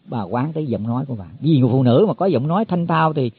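A man's voice: medium pitch, animated, fast talker, slightly rough, no echo. A man giving a Buddhist sermon to monks, explaining in a folksy way and repeating his words as he goes. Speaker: Buddhist teacher. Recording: tinny phone-like, dry.

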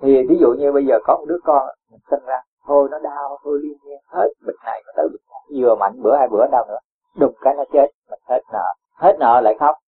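A man, a Buddhist teacher giving a gentle dharma talk with homely examples and chuckles. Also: medium pitch, fast talker, slightly rough. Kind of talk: dharma talk answering a follower. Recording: tinny phone-like lo-fi sound.

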